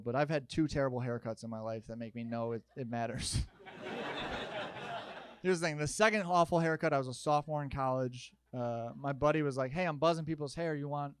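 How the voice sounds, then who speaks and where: A young man doing a stand-up comedy set, telling stories in an animated way and jumping up into loud shouted bits. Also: medium pitch, clear, resonant tone, no room sound. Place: comedy stage with audience.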